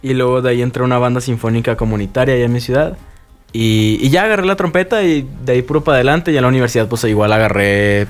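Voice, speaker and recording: A man's voice: mid-range voice, fast. A man in his twenties, a brass player and orchestra teacher, telling his story in a chatty, matter-of-fact way. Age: 20s. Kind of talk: casual interview talk.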